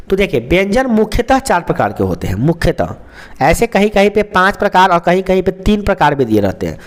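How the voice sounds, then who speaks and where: High-voiced man teaching slowly. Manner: slow and repetitive, stretches out sounds, asks and answers himself. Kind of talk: explaining a lesson.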